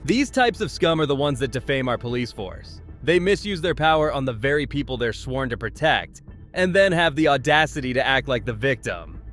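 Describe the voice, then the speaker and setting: A man's voice: mid-range voice, sing-song, moderate pace, fairly bright tone. Male narrator, scornful scripted voice-over, faint music bed. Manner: scornful, mocking.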